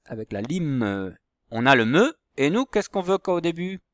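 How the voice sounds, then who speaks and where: A man's voice: fairly high pitch, very animated, moderate pace, no echo. A man teaching a lesson to young pupils, patiently spelling out letters and syllables. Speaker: primary school teacher. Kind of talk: recorded handwriting and reading lesson for young pupils.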